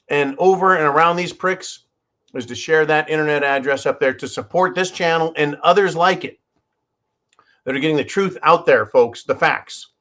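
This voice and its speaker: A man with a voice on the high side and a fairly bright tone hosts his own channel. He delivers opinionated news commentary in a sarcastic, profane style, frequently calling his listeners "folks."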